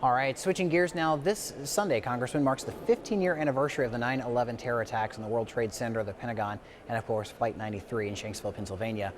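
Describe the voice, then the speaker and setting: A man's voice: mid-range voice, fast, hardly any pauses, background noise. A man with an American accent working as a news anchor, presenting and asking questions in a broadcast news interview.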